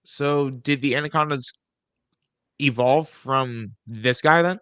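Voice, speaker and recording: A man's voice: mid-range voice, slow pace, a bit bright, clean tone, no echo. A man in casual chat, reacting as a co-host.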